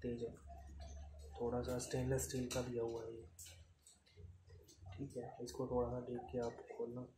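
A man, casually demonstrating camping gear in an unscripted way and filling pauses with "theek hai". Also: medium pitch, completely flat delivery, mellow. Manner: unscripted, repeats "ठीक है", counts items aloud. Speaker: product reviewer. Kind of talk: casual unboxing demo. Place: room with tiled floor, indoors. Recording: echoey tiled room, noisy.

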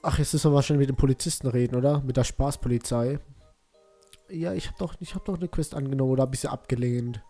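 A man's voice: medium pitch, quick pace, mellow, soft background music. A man giving mocking, exasperated commentary while playing a video game. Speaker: let's play commentator. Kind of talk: casual gameplay commentary.

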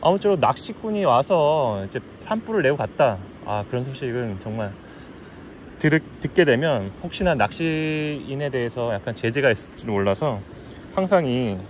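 A man's voice: medium pitch, normal speed. Man narrating a fishing trip outdoors. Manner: relaxed, explanatory, with frequent fillers. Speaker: fly fishing vlogger. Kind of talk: casual narration to camera. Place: riverbank outdoors and inside a car. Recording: outdoor camera audio with background noise.

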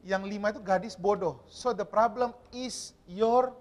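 A male pastor preaching a sermon to his congregation, animated and often asking them questions. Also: high voice, a little slow. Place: church hall.

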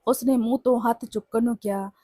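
Warm-voiced woman reading a story. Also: fairly high pitch, steady tone, a little fast, no room sound, studio quality. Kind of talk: scripted audio story narration.

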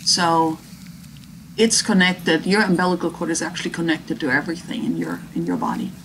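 Lowish-voiced woman, informal teaching commentary, noisy. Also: steady tone, moderate pace, a bit bright. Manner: conversational, addressing students directly. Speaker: biology instructor. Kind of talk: informal commentary over a demonstration video. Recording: clear background noise, video playing behind.

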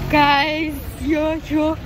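A woman's voice: high voice, vocal fry, noisy background. A young woman vlogging outdoors and talking through a face mask. She is shivering with cold and chats in a loose, giggly, rambling way. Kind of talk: casual vlog chat. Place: outdoors on a city waterfront. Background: loud music.

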